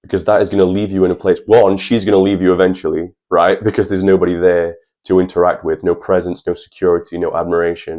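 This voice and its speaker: A man's voice: sits low, flat delivery, quick pace, hardly any pauses, warm tone, muffled recording. A young man giving earnest, chatty advice in a personal vlog, talking straight to the viewers. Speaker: channel host.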